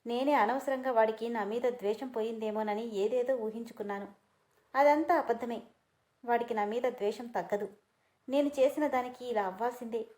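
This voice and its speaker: A woman's voice: fairly high pitch, normal speed, a little mellow, close to an everyday voice. A woman reading a story aloud, voicing a proud, hurt young woman who answers back defiantly and through tears. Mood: sad. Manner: defiant, tearful.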